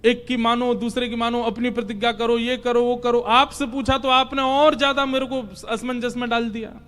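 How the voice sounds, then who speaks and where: A man's voice: high-pitched, big pitch swings, normal speed, a bit bright. A man voicing a confused young male warrior in a devotional story who complains that he cannot decide. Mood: bewildered. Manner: exasperated, complaining.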